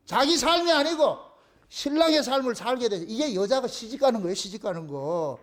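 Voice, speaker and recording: A male pastor, preaching a lively sermon and acting out little voices. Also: extremely high pitch. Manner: animated, acts out voices, asks the congregation questions.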